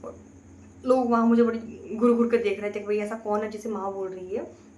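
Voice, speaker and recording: Woman storyteller, earnest first-person recounting, medium pitch, echoey room. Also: flat delivery, normal speed, mellow, slight background noise. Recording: roomy echo, faint ambience.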